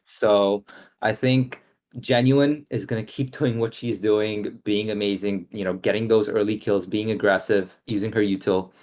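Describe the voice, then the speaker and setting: A young male caster talks through an esports match in a relaxed, unhurried way, pausing often on fillers. His voice sits on the low side. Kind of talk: casual esports analysis.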